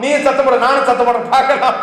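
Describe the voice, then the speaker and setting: A man's voice: very high-pitched, flat delivery, fast talker, fairly bright tone, slight background noise. A man preaching a sermon to a congregation, firing off rhetorical questions one after another. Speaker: pastor. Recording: echoey hall reverb.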